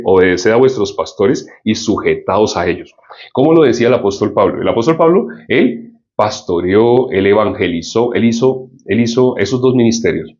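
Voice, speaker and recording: A man's voice: fairly low pitch, darkish tone. A man preaching a sermon, often asking the audience questions and repeating points for emphasis. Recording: dull lo-fi sound.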